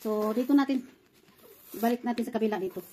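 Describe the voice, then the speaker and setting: Chatty mother with a higher voice. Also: fast, mellow, slight background noise. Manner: chatty, talking viewers through a task while coaxing her child. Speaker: mother caring for her baby. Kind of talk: casual vlog talk to viewers.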